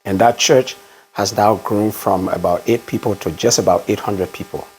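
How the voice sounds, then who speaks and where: A middle-aged man with a Liberian accent, a pastor telling his life story in an interview with steady pauses. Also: lowish voice, a little hiss or hum, rough recording. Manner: measured storytelling, frequent "uh" pauses. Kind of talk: conversational interview.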